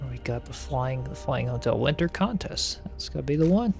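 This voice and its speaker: Chatty male streamer with a gravelly, upbeat delivery and faint music underneath. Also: medium pitch, expressive, moderate pace, darkish tone. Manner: upbeat and chatty, frequent laughs and filler words. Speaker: game streamer reacting to builds. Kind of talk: casual live-stream commentary.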